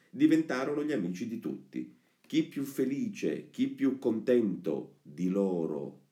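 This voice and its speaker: A man reading a fairy tale aloud with expressive, lively delivery. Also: low-pitched. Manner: expressive, rising on lively lists. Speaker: narrator. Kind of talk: scripted narration of a fairy tale. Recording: roomy echoey recording.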